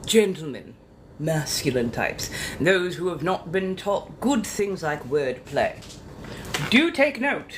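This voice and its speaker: A woman's voice: sits low, expressive, takes it slowly, slight background noise. A woman chatting casually to her followers as a livestream host, with theatrical, coy, old-fashioned ladylike diction and a playful habit of repeating phrases.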